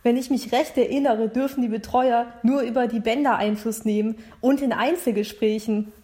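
A woman's voice: on the high side, steady tone, moderate pace, warm tone, lightly acted. Lady reading a smug pushy young guy, defensive, storybook voice. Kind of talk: audiobook character voice.

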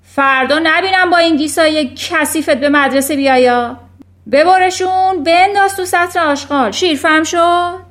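A woman's voice: on the high side, close to an everyday voice. A woman voicing a furious, bullying giant of a headmistress who roars her orders. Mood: roaring. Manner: roaring, shouting.

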